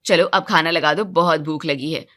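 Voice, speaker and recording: A woman doing a tired, soft-spoken husband. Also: steady tone, moderate pace. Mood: calm, tired. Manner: subdued, low-key, quietly complaining. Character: weary grown man, soft-spoken husband. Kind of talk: animated storybook voice acting.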